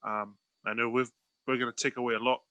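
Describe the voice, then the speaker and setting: A man hosting a casual podcast, speaking appreciatively in halting phrases. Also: mid-range voice, flat delivery, bright, forceful tone, dry recording. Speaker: podcast host.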